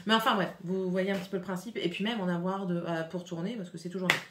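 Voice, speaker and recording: A woman's voice: on the low side, fairly even intonation, quick pace. A French-accented woman vlogging at home, chatting casually through a shopping haul, rambling with many fillers and restarts. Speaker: beauty vlogger. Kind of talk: casual haul chat to camera. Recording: echoey room, faint noise.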